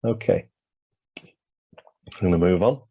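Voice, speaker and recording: Slow and mellow, this man's low, slightly rough voice is starting to give out as he runs a webinar and takes questions, stumbling through fillers and restarts. The dry recording has a dull, lo-fi webinar quality.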